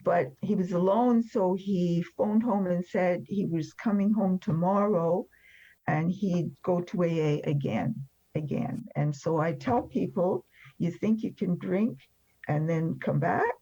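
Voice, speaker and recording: Speaking a little slowly, the older woman has a low, warm voice, captured in lo-fi sound. She is seventy or older, born in France and emigrated after the war, and tells her personal story in an interview in a matter-of-fact, candid manner.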